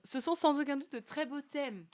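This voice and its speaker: A woman's voice: sits high, moderate pace, darkish tone, dry recording. Giggly young woman chatting on a live stream. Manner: giggly, chatty, talks straight to viewers. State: coughing now and then. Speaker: singer-songwriter streamer. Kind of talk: casual live-stream chat between songs.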